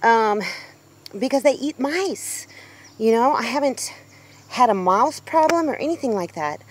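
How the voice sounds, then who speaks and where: A woman's voice: fairly high pitch, animated, a little slow. A woman in her fifties talking casually to a handheld phone camera outdoors on her homestead porch, rambling with lots of ums and restarts. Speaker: homestead vlogger. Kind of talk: casual vlog talk to camera. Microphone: handheld phone camera at arm's length.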